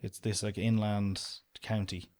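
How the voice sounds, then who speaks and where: An Irish man in his young adult years chats easily as a guest, his voice sitting a little low. He rambles comfortably, leaning on "do you know" as he talks about being outdoors. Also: level tone, measured pace, darkish tone. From Ireland. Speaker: guest, outdoor business owner. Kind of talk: casual interview chat.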